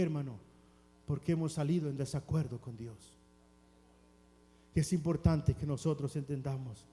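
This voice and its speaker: A man preaching a fervent church sermon, calling listeners brothers and building up to shouts. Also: sits high. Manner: impassioned, rising to shouts, addresses listeners as brothers. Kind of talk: Pentecostal sermon. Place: church sanctuary. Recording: long church hall reverb.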